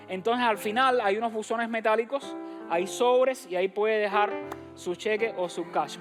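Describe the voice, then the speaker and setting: A man from Cuba, a pastor giving church announcements and direct, encouraging appeals to his congregation. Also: high-pitched. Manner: direct and encouraging, addresses the congregation as brothers and sisters. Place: church sanctuary.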